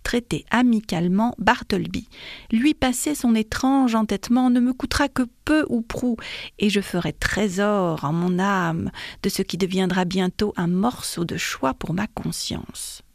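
A woman reading a classic story aloud in a measured, expressive way. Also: mid-range voice, gravelly, no room sound. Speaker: audiobook reader. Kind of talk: scripted narration of a classic novella.

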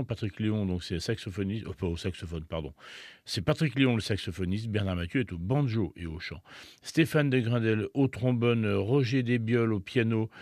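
Man, local radio jazz presenter, mid pitch, halting and chatty, dry studio sound. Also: darkish tone, no echo. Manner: hesitant, many fillers and restarts. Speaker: radio jazz show host.

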